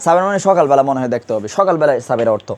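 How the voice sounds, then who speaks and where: A medium-pitched, animated man teaches Urdu grammar at a rapid clip. His tone is colloquial, and he patiently repeats questions to his students to drill their pronunciation.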